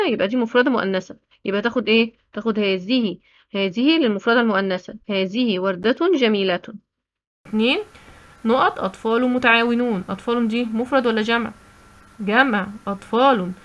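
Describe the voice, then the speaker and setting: Egyptian woman teaching small children, quick and a little high, patient question-and-answer delivery. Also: fairly bright tone. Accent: Egyptian Arabic. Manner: patient, asks questions and answers them herself. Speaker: primary school teacher. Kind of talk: recorded classroom lesson.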